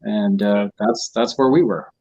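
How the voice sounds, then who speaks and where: A man's voice: on the low side, measured pace, dark tone. A middle-aged man speaking over a phone call as a guest on an online panel, easygoing and casual. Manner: easygoing, laughs at his own tech troubles. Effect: heard over a phone call. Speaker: guest on a real estate webinar panel. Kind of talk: casual conversational answers. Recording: dull lo-fi phone audio.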